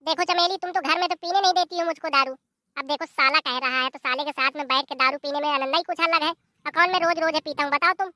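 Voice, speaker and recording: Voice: sits high, fast talker, sharp tone, no room sound. A performer voicing a boozy, teasing adult son-in-law. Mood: wheedling. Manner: teasing, wheedling.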